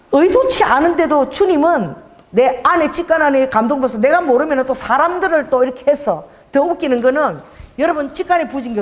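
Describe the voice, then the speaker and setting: A woman pastor preaching a sermon and telling a story with animation, often asking the congregation for an amen. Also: sits high. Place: church worship hall. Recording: long hall reverb.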